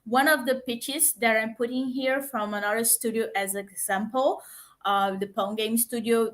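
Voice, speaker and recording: A woman coaching people on giving pitches, with many fillers and halting restarts, speaking as an over a video call. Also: steady tone. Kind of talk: online talk on pitching.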